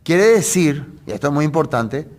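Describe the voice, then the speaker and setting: A man with a somewhat high voice delivers a sermon as a Bible teaching. He keeps it conversational, asks his listeners rhetorical questions and stops to correct his own slips. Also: lively intonation, normal speed. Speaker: preacher.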